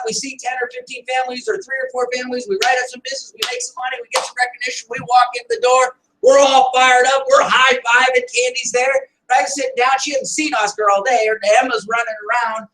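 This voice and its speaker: A man giving a motivational sales training talk, telling stories with lots of energy and often shouting. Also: very high voice, steady tone, fast, few pauses. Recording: echoey room, voice from far off.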